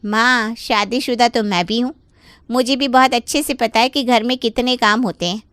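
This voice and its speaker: A woman's voice: fairly high pitch, fairly even intonation, normal speed, a bit bright, clear, resonant tone, no echo, close to an everyday voice. A woman voicing a scheming young married woman in a cartoon story, taunting and falsely innocent. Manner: sly, taunting, fake-innocent whining. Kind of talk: Hindi cartoon voice acting.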